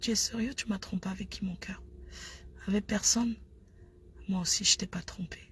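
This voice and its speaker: A woman putting on soft, whispered lover talk as if on the phone, in a whispered role-play. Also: mid-range voice, steady tone, moderate pace, slight background noise, natural voice. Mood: intimate. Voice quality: breathy.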